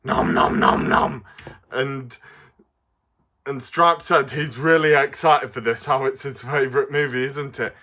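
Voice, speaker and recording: In a medium-pitched voice, a man gives a casual on-camera toy review. His delivery is bouncy and kids-show playful, but frequently hesitant and halting.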